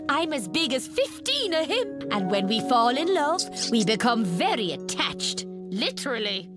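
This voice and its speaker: Cheeky, animated British cartoon fish. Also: female voice, a little high. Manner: playful, colloquial, exclamatory. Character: cheeky, sporty female deep-sea football fish. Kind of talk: educational cartoon monologue.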